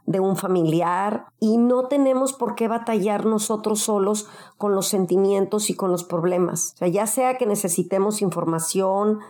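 A woman giving a motivational talk in a steady, listing manner. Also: medium pitch, normal speed.

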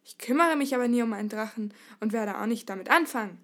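A woman doing a haughty small-town mayor from a storybook, pompous and full of himself. He blusters and talks down, in a somewhat high voice. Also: steady tone, moderate pace, warm tone. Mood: outraged. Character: arrogant pompous male village mayor.

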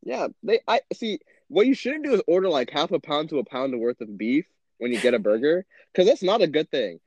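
A young man with a Texan accent tells stories on a casual podcast, and his voice swoops up and down as he acts out his own reactions. His voice sits fairly high for a man. The sound is dry and a little dull, like a lo-fi recording. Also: big pitch swings, a little fast, a little mellow, husky, no room sound. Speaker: podcast host. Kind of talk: casual chat.

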